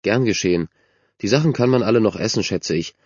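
A man's voice: on the low side, a little fast, a little mellow, breathy edge, dry recording, dull audio. A man doing a confident, kind girl. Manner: self-assured, friendly. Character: confident, kind sporty girl, team captain.

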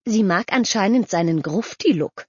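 A woman's voice: mid-range voice, lively intonation, moderate pace, darkish tone, husky, no room sound. A woman voicing an earnest, chatty teenage girl who talks insistently. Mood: eager. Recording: dull lo-fi audio.

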